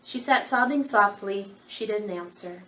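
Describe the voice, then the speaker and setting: A woman with a mid-range, sharp voice reads scripted literary narration at an unhurried pace, serving as narrator of a dramatic story. The recording sounds roomy, with faint background noise.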